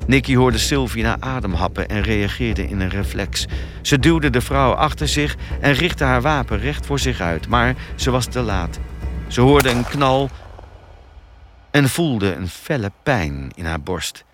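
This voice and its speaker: A man narrating an audiobook thriller in a steady, expressive storytelling manner. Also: mid-range voice, unhurried, faint music behind.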